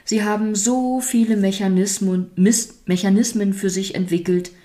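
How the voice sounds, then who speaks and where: A woman reading a storybook aloud, voicing the weary, mistrustful spirit of sadness in a quiet, hesitant, brittle way. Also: mid-range voice, steady tone, moderate pace, voice pushed up, natural voice.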